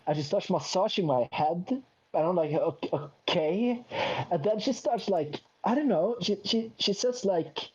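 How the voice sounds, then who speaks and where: A man's voice: high-pitched, expressive, moderate pace, a little mellow, breathy edge, lo-fi sound. A man from Sweden, telling a long anecdote in a casual chat, with self-mocking asides and quoted voices.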